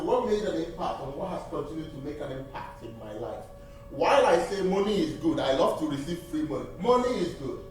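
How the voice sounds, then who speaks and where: A seminary graduate delivers an earnest testimony and appeal in a church sanctuary, repeating key phrases for emphasis; he is a Nigerian man with a Nigerian accent whose first language is Igbo. His voice is on the high side with a darkish tone. The recording is distant and roomy, with slight background noise.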